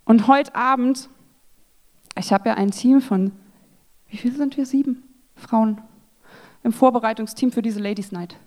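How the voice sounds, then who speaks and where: Young woman, speaker at a church ladies' night; lively, self-mocking sermon delivery, slightly high pitch. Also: a little slow, pauses often. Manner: lively, self-mocking, acts out quoted voices. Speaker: speaker at a church women's evening. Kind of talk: sermon talk.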